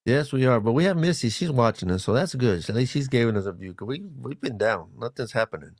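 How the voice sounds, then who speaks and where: A man with a gravelly, fry-edged voice and a lively swing in his pitch. He co-hosts a casual show, laid-back and always teasing. The sound is dry and close to the mic. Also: fast, no echo. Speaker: co-host. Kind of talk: casual chat.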